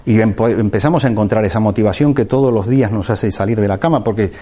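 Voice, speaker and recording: This motivational speaker tells a short parable in a reflective talk, musing aloud with fillers and false starts. He speaks quickly in a mellow voice that sits on the low side.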